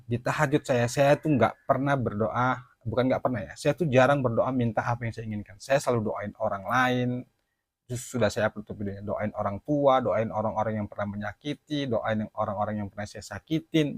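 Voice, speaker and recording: A man's voice: mid-range voice, fairly quick, no room sound, clean studio sound. Earnest man preaching casually. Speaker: religious speaker. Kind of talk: casual religious talk.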